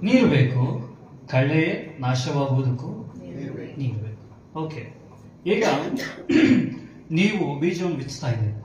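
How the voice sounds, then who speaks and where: A man's voice: on the high side, darkish tone, heavy reverb, recorded from a distance, slight background noise, poor audio. A male pastor preaching a sermon, asking his congregation questions and answering them himself. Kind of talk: bilingual sermon.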